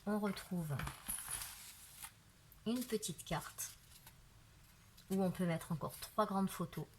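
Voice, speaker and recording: In a laid-back craft show-and-tell shot on a tripod camera, a woman turns the pages of her handmade album and chats, filling gaps with "voilà" and "euh." Her voice sits at medium pitch and moves slowly, over a little hiss or hum.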